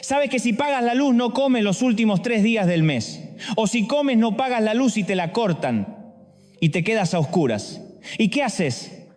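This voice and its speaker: A male preacher delivers a sermon in a rather high voice. He works through rapid, dramatic rhetorical questions. A long reverb trails after his words. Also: lively intonation, darkish tone, soft background music.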